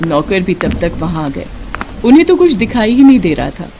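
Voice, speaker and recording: A woman narrating devotional stories in an expressive, dramatic way. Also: on the low side, moderate pace, background noise. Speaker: storyteller.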